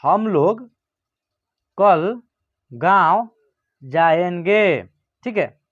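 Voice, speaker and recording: A man teaching a reading lesson who says each word slowly and twice, checking often that listeners follow. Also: high-pitched, animated. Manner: often adds "ठीक है ना" and "समझ गए ना". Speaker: Hindi teacher. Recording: muffled lo-fi recording.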